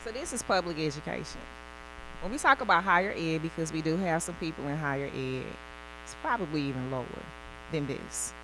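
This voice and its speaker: A woman giving a public presentation, speaking in deliberate, emphatic phrases and posing rhetorical questions. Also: low-pitched, animated. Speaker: co-presenter, higher education speaker. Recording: clear electrical hum and buzz.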